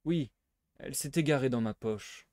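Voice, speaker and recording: Man reading a smug, playful gentleman burglar, dry recording, everyday register. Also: mid-range voice, normal speed, no echo, lightly acted. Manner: playful, teasing, smugly theatrical. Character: suave mocking gentleman thief, adult man. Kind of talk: live reading of a novel aloud.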